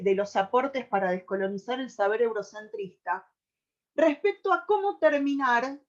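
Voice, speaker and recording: An Argentine woman presenting on a radio program, explaining at length and pausing often on fillers as she gathers her thoughts. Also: sits high, muffled recording. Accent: Argentine Spanish. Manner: thoughtful, with many hesitations and restarts.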